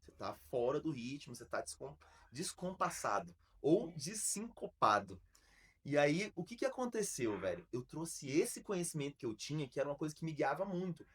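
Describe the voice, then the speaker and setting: A man from Brazil, a podcast host, telling a story in a casual, slangy, animated way with many restarts. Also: a little high, normal speed, slightly rough.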